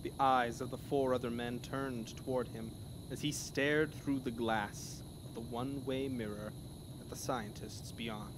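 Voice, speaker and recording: Reading a scripted horror story as narrator, a man delivers it theatrically and dramatically in a steady, middle-pitched voice at a measured pace. Background noise is clearly present in the recording.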